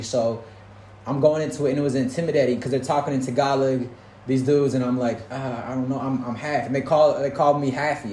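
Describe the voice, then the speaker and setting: A man from Detroit, United States, hosts a casual, faith-filled podcast conversation, talking earnestly and ramblingly with many restarts. His voice is mid-range with a dark tone. It was recorded in a roomy indoor space in Portugal, echoey with faint background noise.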